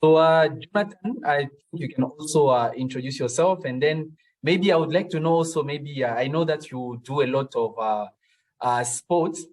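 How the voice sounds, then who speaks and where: A man from the Democratic Republic of Congo moderating an online panel, speaking slowly with frequent fillers. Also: on the high side, a little mellow, poor audio.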